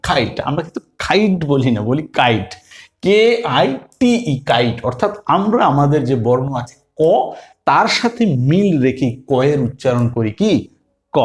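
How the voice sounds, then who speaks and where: This Bengali-accented man's voice is on the high side as he gives a phonics lesson. He works through English letter sounds slowly, saying each one more than once and asking his learners questions.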